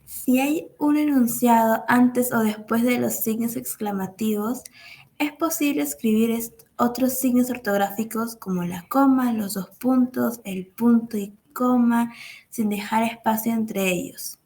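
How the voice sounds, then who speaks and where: A woman's voice: fairly high pitch, measured pace, warm tone. A young woman with a Peruvian Spanish accent, carefully reading rules and examples from class slides. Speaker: student presenter.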